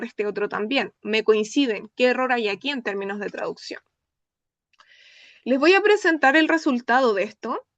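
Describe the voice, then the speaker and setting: A young woman with a Chilean accent lectures in an open class, her voice set high. She explains things step by step and often stops to check that her listeners follow. The sound is dry and close. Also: fairly bright tone, dry recording. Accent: Chilean Spanish. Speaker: lecturer presenting her research. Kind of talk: academic talk in an open class.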